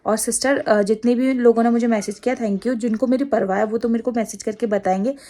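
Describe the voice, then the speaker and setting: A woman with an Agra-region Hindi accent talks to her camera in a loose, rambling vlog. Her voice sits somewhat high, and she drifts from point to point, laughing easily. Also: fairly even intonation, brisk, mellow. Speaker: vlogger. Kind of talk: casual chat to camera.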